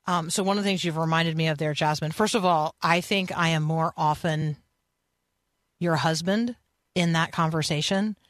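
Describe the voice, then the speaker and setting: A woman's voice: deep voice, steady tone, moderate pace, no echo. Earnest woman hosting a radio interview. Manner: earnest, conversational. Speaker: radio host.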